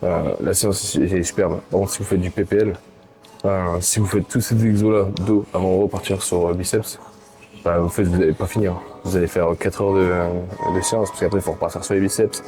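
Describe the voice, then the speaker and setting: A man's voice: deep voice, fairly even intonation, fairly quick. A man with a Swiss French accent talking casually through his workout in a gym, hesitant and full of fillers, tired late at night. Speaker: gym vlogger. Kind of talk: casual workout vlog talk. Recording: gym recording with loud background music.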